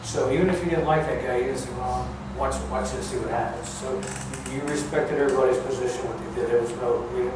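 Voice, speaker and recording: A former air traffic controller, now an older man, talks informally about his career as a guest speaker in a large, very echoey museum room. The microphone is far off and background noise is clearly audible. He speaks plainly and haltingly at a middling pitch, keeping a steady tone.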